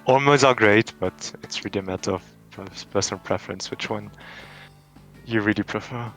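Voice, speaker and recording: A man's voice: on the low side, normal speed, fairly bright tone, soft background music. A man with a French accent, answering interview questions in a casual, thoughtful way with frequent restarts and fillers. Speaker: tournament champion guest.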